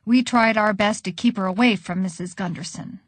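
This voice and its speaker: A woman narrating an audiobook in an expressive, conversational storytelling manner. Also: mid-range voice, moderate pace, dry recording.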